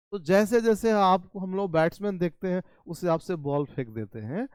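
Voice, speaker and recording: A young man teaching spoken English in Hindi, reading English example sentences slowly and deliberately. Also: a little high, darkish tone, clear, resonant tone, no echo. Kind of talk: online spoken English lesson.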